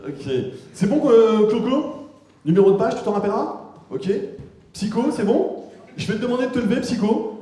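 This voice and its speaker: A man on stage doing crowd work during a comedy mind-reading act, ribbing audience members with quick jokes. His voice sits fairly high, and it rings out through a very echoey hall from a handheld mic. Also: lively intonation, dark tone, a little hiss or hum. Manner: teasing, joking, quick-witted crowd work. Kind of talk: live stage banter with the audience. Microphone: handheld microphone.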